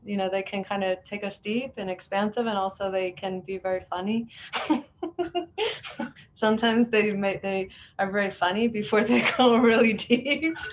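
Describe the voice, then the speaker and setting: A woman leading a casual video-call chat who laughs often and talks in a relaxed way with restarts. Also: medium pitch, a little slow, a little hiss or hum, poor audio. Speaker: divination facilitator and translator.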